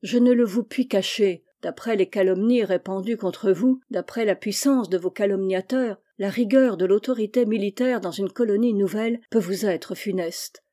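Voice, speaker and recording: Woman reading a grave, kindly captain pleading with urgency; mellow voice. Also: mid-range voice, moderate pace, few pauses, close to an everyday voice. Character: stern but kindly army captain, urgent.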